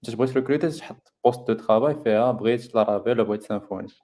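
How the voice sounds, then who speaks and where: A man's voice: mid-range voice, very fast, dark tone. A man with a Moroccan accent explaining casually in a discussion, dropping in borrowed terms. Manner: explanatory, mixing in French terms.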